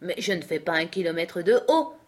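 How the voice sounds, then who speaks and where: A woman voicing a young girl in a storybook reading, earnest and defiant, with a noticeably higher voice than her own. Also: lively intonation, a little fast. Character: bold young girl in a courtroom.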